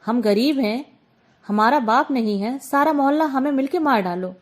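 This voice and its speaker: Storybook figure: a woman playing a poor hunchbacked young woman, desperate and pleading, pitched a little high. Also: normal speed. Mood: defiant. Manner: pleading, wailing and raised.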